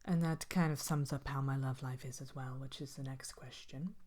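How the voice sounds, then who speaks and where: Low female voice, a woman acting out a vain fairy-tale villainess queen, haughty, languid, droll, soft ASMR delivery. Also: steady tone, normal speed. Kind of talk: ASMR character roleplay chat, softly spoken with whispers.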